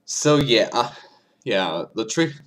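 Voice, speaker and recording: Halting, lowish-voiced man reacting casually. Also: animated, fairly bright tone. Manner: halting, repeats and restarts phrases heavily. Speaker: reaction video host.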